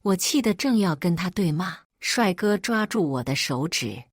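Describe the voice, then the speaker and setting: A woman narrating a first-person drama story in a playful, lively way. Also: on the low side, moderate pace, no room sound, studio quality.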